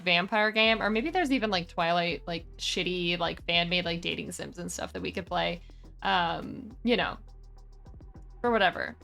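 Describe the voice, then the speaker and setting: A woman's voice: mid-range voice, creaky, a bit bright. Giggly chatty young woman streamer. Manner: chatty, giggly, lots of filler words. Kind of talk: casual chat.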